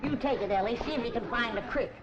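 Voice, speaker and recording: An actress playing a cranky, scolding old backwoods granny with folksy speech in a vintage sitcom. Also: female voice, fairly high pitch, fast, lo-fi sound, a loud crowd, very noisy, natural voice. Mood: grumbling. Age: older. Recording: far, roomy vintage TV soundtrack, loud audience.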